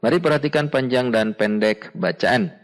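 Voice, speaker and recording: A man teaching Quran recitation, patiently spelling out syllables and chanting words slowly and deliberately. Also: mid-range voice, expressive. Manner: patient, instructive, repeats corrections. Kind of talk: step-by-step tajwid lesson.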